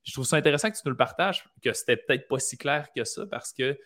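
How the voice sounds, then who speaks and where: A man's voice: medium pitch, quick pace, a bit bright. A man with a Quebec French accent hosting an interview, reflective and circling his points with restarts. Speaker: podcast host. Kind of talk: conversational interview.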